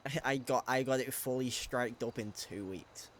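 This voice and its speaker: Man, mid-pitched, playful teasing banter, casual game chat on a mic. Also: normal speed. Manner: teasing, joking. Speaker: streamer playing online role-play.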